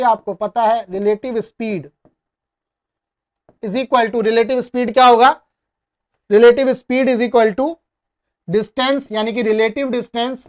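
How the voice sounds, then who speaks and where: A male physics teacher working a problem on the board, mixing English terms into his speech and repeatedly asking the class whether it is clear. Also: very high voice. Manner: asks the class frequent rhetorical check questions; mixes English terms into Hindi, calls students brother. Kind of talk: whiteboard problem-solving lesson.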